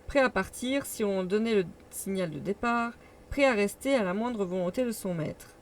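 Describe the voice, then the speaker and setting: A woman narrating a classic novel as an audiobook, reading in a measured, expressive way. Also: medium pitch, slight background noise. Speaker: audiobook reader.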